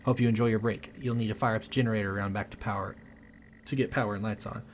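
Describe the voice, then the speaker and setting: A man hosting a let's play, reading game text aloud with a quick, lightly dramatic delivery. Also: fairly low pitch, fairly even intonation, a little hiss or hum.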